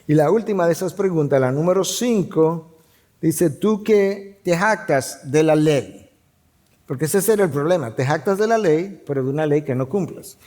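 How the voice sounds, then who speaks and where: A middle-aged man preaches a sermon with a voice sitting a little higher than most men's. He teaches by pressing his listeners with pointed rhetorical questions. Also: lively intonation, normal speed, mellow. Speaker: pastor.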